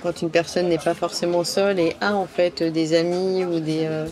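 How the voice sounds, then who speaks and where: A French woman with a lowish, slightly mellow voice responds to questions in an outdoor street interview at a summer event. Her tone stays level and her pace normal, yet she sounds hesitant, restarting often and leaning on fillers amid the chatter of the crowd.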